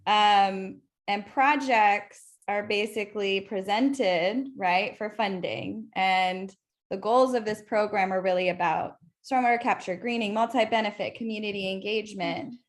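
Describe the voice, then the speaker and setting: A woman's voice: medium pitch, unhurried. A woman with a mid-range voice moderating a panel. She breaks the discussion down and restates it plainly so everyone can follow. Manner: clarifying, recaps points for the audience.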